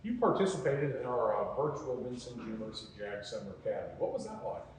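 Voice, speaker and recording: A man presenting an unscripted campus tour and interviewing as he goes, with a halting delivery that repeats words. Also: mid-range voice, big pitch swings, a crowd in the background. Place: echoey indoor campus building. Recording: very echoey, distant mic, noisy ambience.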